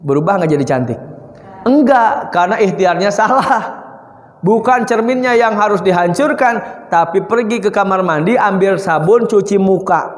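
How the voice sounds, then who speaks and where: A male preacher gives a playful sermon to children and acts out little scenes. He chants verses between his stories, in a very high voice. The recording has a roomy sound with a long echo from a hall. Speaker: preacher (ustad). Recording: echoey hall.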